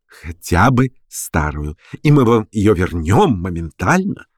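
A man voicing an unabashed young reporter who presses with smooth, pushy politeness. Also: low-pitched, sing-song, unhurried, no room sound, clean studio sound, heavily acted. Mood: insistent. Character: persistent young male newspaper reporter, unabashed.

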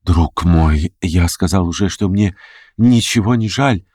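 A man's voice: deep voice, measured pace, a little mellow, slightly rough, no echo, studio quality. A man voicing a frightened, melodramatic aging scholar who pleads and whispers in fear, slipping into French. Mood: despairing.

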